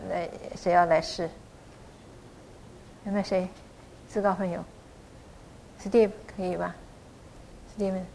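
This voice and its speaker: A middle-aged woman teaching a class to pronounce a chant, patiently encouraging students and sounding out syllables slowly. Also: mid-range voice, creaky, a little hiss or hum. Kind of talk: pronunciation lesson.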